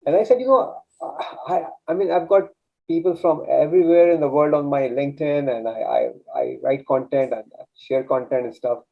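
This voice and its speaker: Speaking at a moderate pace in a slightly high voice, a guest coach whose native language is Urdu shares a story in a casual interview. He's earnest and relaxed, with many restarts, and the recording has a dull lo-fi quality.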